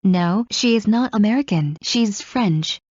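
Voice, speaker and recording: A woman reading scripted English practice dialogues in a slow, clear drill delivery. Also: mid-range voice, animated, a little mellow, no room sound. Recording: muffled lo-fi recording.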